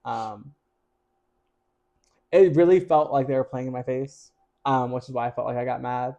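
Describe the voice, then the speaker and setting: A man co-hosting a casual podcast, speaking at an average pitch for a man. He tells the story frankly, with a wry, self-mocking edge. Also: fairly even intonation, moderate pace, mellow. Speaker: podcast co-host. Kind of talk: casual chat recounting a drag competition.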